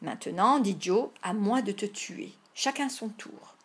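A woman's voice: medium pitch, lively intonation, measured pace, slightly rough. A woman voicing a stubborn boy playmate in an audiobook, protesting indignantly. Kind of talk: audiobook reading.

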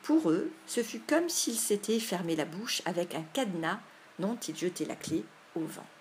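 A woman reading a classic adventure story aloud as narrator, measured and expressive. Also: medium pitch, slight background noise. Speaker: audiobook reader.

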